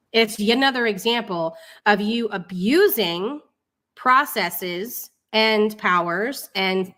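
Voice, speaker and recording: A woman with a medium-pitched, slightly bright voice hosts a live online commentary stream. She shifts between reading aloud and tossing off casual asides, all informal, sarcastic, and mocking.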